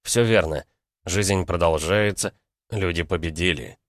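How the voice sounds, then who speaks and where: A man narrating a fantasy audiobook in a steady, even reading. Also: deep voice, unhurried, no echo, clean studio sound. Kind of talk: scripted fiction narration.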